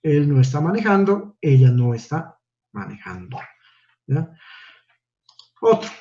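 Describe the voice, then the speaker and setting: A man's voice: on the high side, big pitch swings, unhurried, mellow, lo-fi sound. A male teacher giving a step-by-step classroom lecture, often checking in with his listeners through short tag questions. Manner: explains step by step, tags lines with "¿no?" and "¿ya?".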